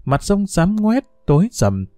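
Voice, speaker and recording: Dry, steady male narrator. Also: high-pitched, measured pace, dry recording. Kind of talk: storybook narration.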